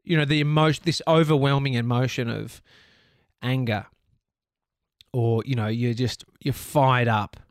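A man with an Australian accent talks through a personal story on his podcast, candid and rambling, with the odd swear word. His voice sits at an ordinary middle pitch. The sound is dry and close, with no room around it. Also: fairly even intonation, a little slow, no echo. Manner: candid, rambling, swears freely, self-reflective. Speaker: podcast host. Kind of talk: casual storytelling monologue.

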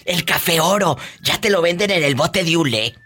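A man's voice: on the high side, animated, moderate pace, background noise. A man hosting a call-in radio show, teasing and theatrical, with frequent gasps and laughter. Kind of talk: playful call-in radio chat.

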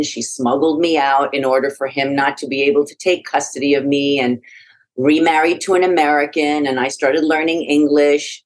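A middle-aged Iraqi woman, appearing as a podcast guest, tells her life story in a conversational interview, speaking frankly and reflectively with frequent restarts. Her voice rumbles low, and the recording quality is poor.

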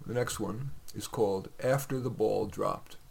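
A male author reading his short stories on a podcast, relaxed and conversational. His voice has a gravelly, husky grain, and he drops in the odd filler between lines. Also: fairly low pitch, unhurried.

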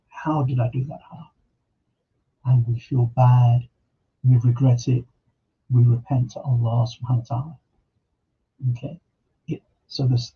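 A man's voice: mid-range voice, breathy edge, dull audio. A man teaching an Islamic lesson on a podcast, reflective, with rhetorical questions and quoted Arabic scripture. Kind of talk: religious talk. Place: podcast studio.

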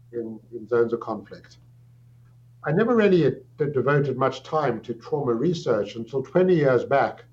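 The speaker is a middle-aged psychiatrist with a South African accent, appearing as a guest and describing his background in answer to an interview question. He talks in a measured, reflective way, frequently pausing and restarting, in a mid-range voice with a darkish tone, and the audio is dull and lo-fi with a faint hum.

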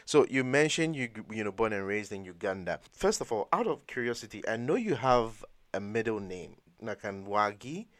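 A man's voice: on the low side, expressive, normal speed, hardly any pauses, no room sound. A man hosting a podcast, introducing his guest and asking questions with enthusiasm. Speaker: podcast host. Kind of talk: podcast interview.

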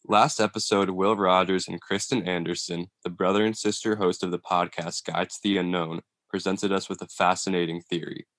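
A man with a deep voice hosts an investigative podcast. His delivery is narration-like, and the sound is dry, with little room around it. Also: little pitch movement, moderate pace, few pauses, a bit bright, no echo. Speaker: podcast host. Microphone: video call.

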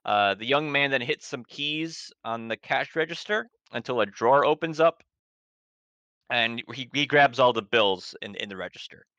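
A man's voice: medium pitch, moderate pace, bright, forceful tone, no echo. A man narrating a tabletop horror game as game master, in a casual, rambling way, in a dull lo-fi recording.

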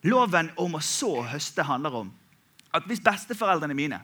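Lively, bright-voiced pastor preaching. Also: male voice, on the high side. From Western Norway. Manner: animated, humorous, conversational preaching with frequent "sant?". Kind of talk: sermon.

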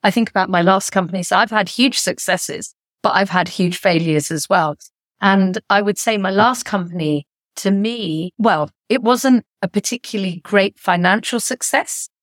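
A middle-aged woman, a founder and author, talks through her experiences in a thoughtful interview voice. Her pitch sits in a middle range and the recording is dry and close-miked. She gets lively whenever she retells a story. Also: moderate pace, no echo. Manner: reflective, animated when retelling stories. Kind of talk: conversational interview.

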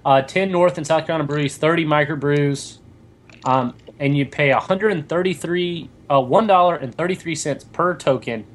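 A man's voice: on the high side, moderate pace. A young man co-hosting a casual chat, talking in a rambling way with lots of fillers and restarts. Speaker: podcast co-host.

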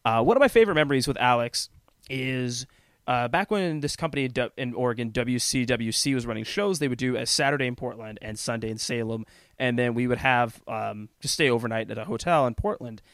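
A man hosting a podcast, telling a story in a relaxed, rambling, self-deprecating way. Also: medium pitch, a little fast, clean tone, no room sound, studio quality. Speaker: podcast host. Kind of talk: casual storytelling chat.

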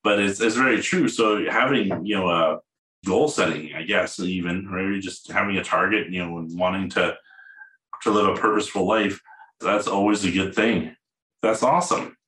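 A man's voice: low voice, normal speed, pushed and bright, echoey room, poor audio. A man from Edmonton hosting a podcast, upbeat and casual, often repeating words as he talks. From Edmonton, Canada. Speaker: podcast host, realtor. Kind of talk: podcast interview.

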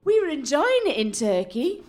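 A woman narrating an absurd comic story in a deadpan, matter-of-fact way. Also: high-pitched, moderate pace, noisy background. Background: music.

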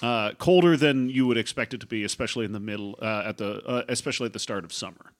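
A man improvising narration as game master of a tabletop role-playing game, often searching for his words. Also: fairly low pitch. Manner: halting, searching for words as he describes scenes.

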